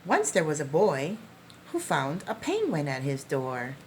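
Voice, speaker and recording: A woman with a slightly low voice reads a children's storybook as a preschool teacher would. Her pitch moves in wide, animated swings, and she phrases each line deliberately and dramatically for small listeners. There is a faint noise behind her. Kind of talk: expressive children's picture-book storytime reading.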